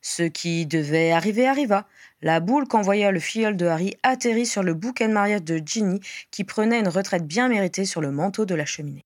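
A woman narrating a fan-written novel in a measured, expressive storytelling voice. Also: medium pitch, no room sound, clean studio sound. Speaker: audiobook reader. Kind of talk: scripted narration.

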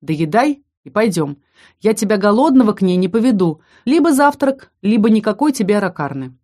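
A woman's voice: mid-range voice, sing-song, a little fast, dark tone, pitched above the performer's own voice. A woman voicing a stern young female fantasy warrior who talks in a firm, commanding way.

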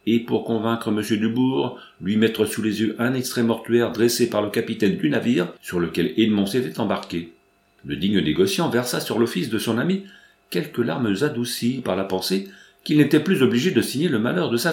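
A man narrating a classic novel as an audiobook, reading in an even, measured way. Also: mid-range voice, gravelly, reverberant.

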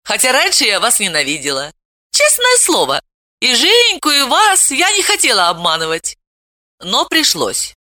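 A loud, cheeky young woman who exclaims nearly everything and swings wildly up and down in pitch, as a woman narrator puts her on. Her voice sits high and bright, recorded close and dry. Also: wildly swooping pitch, moderate pace, dry recording, exaggerated voice. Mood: defiant, brash. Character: brash young woman, defiant and provocative. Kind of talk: audiobook character voice.

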